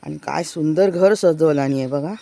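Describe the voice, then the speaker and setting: A woman's voice: sits low, moderate pace, vocal fry, mellow. Woman, walking village tour, enthusiastic, keeps saying look, outdoors, handheld phone, birdsong. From Konkan, India. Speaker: vlogger giving a village tour. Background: birds chirping.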